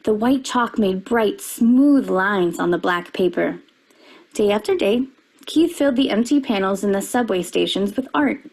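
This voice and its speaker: A woman reads a children's picture book aloud with a slightly husky voice. Her delivery is expressive, and she lifts her pitch for the characters' quoted lines. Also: measured pace, low-quality recording.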